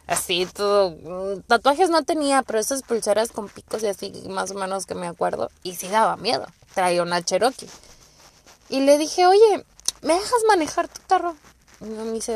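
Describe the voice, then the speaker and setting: A young woman with a Mexican accent and a slightly high voice hosts a podcast, sharing personal stories casually. She rambles and swears, animatedly acting out the people she quotes, on a dry recording.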